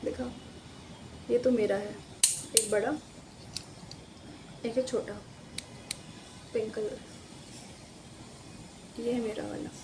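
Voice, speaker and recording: A woman's voice: fairly high pitch, level tone, slow pace, long pauses, noisy background. A woman chatting casually to her viewers in an unboxing vlog, rambling and speaking to them directly from a room at home. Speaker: vlogger.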